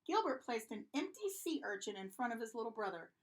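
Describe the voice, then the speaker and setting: A woman reading a children's picture book aloud in a lively, expressive way. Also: a little high, a little fast. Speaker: storybook reader. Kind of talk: children's story read-aloud.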